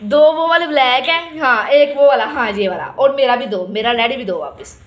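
A woman's voice: sits high, lively intonation, normal speed, background noise. A woman, casually narrating a family vlog as she plays a game with her child, teasing and playful.

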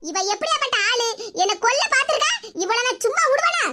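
A shrill, sky-high cartoon grandmother who schemes and scolds in a broad Tirunelveli accent, voiced by an actor in a sped-up squeaky tone. Loud hiss runs under the recording. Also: expressive, fast. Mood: accusing. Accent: Tirunelveli Tamil. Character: scheming elderly mother-in-law, shrill and accusing. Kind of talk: animated village comedy.

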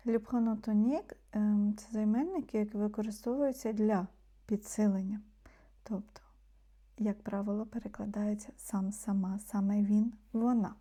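Mellow-voiced woman teaching French. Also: medium pitch, fairly even intonation. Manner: explains slowly, repeating French words, often dropping to a soft murmur. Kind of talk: language lesson.

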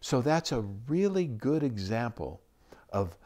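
A man giving a reflective teaching talk, measured and explanatory, with frequent pauses. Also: mid-range voice, big pitch swings, warm tone. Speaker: spiritual teacher.

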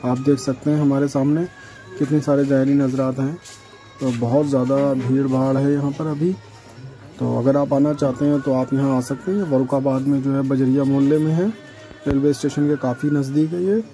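A man's voice: medium pitch, level tone, moderate pace, dark tone, soft background music. Young man vlogging in a crowded shrine. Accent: Farrukhabad Hindi. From India. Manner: chatty, points things out to viewers. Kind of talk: casual walking tour vlog. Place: crowded decorated shrine courtyard at night. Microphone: handheld phone camera.

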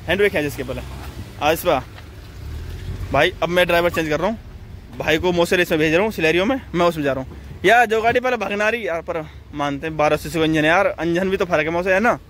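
A young man, an excitable car vlogger commentating a roadside drag race, repeating himself and calling everyone brother. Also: fairly high pitch, fast talker. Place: outdoors on a road beside cars. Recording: outdoor recording with loud car and road noise. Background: car engines and street noise.

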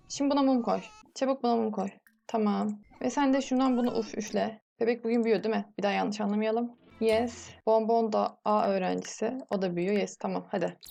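A woman's voice: medium pitch, creaky, dark tone. A young woman casually commenting on her life-sim gameplay, chatting and scolding the characters on screen. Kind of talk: casual let's-play commentary.

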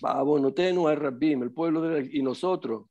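A man's voice: fairly high pitch, normal speed, warm tone, dull audio. A middle-aged man teaching as a rabbi in a religious lesson, emphatic and preacherly, full of rhetorical questions.

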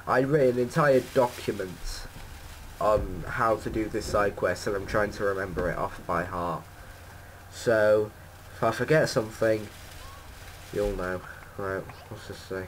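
A man's voice: on the low side, a little slow, slight background noise, rough recording. A man giving casual gameplay commentary as a let's play host, rambling and correcting himself with many ums.

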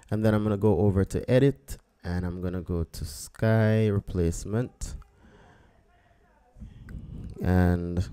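A photographer with a low, mellow voice records a software tutorial of his screen, guiding viewers through a photo edit. He stays relaxed and unhurried, thinking aloud as he clicks through each step.

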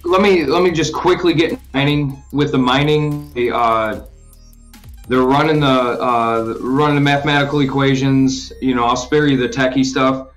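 A man's voice: medium pitch, steady tone, moderate pace, faint music behind. A man co-hosting a podcast, explaining things in a rambling casual way with lots of fillers and restarts. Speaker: podcast co-host explaining crypto. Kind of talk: casual chat.

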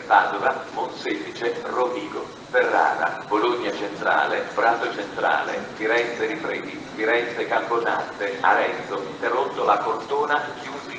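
On a railway station platform, a male automated announcer with a lowish pitch delivers formal, segmented stock phrases over the PA. A distant recorder catches the loudspeakers, so the sound is echoey with clear ambient noise.

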